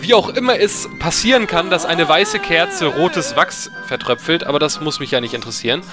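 A man's voice: on the high side, lively intonation, moderate pace, over music. A man giving casual, chatty gameplay commentary in a playful, ironic way. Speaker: let's player.

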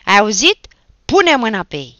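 A woman putting on a furious seventeen-year-old village youth who bellows threats in a raised, forceful voice. He snarls and barks at a crowd of boys. The sound is close and dry, a little dull. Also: fairly high pitch, big pitch swings, dry recording, pitched above the performer's own voice. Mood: furious shouting.

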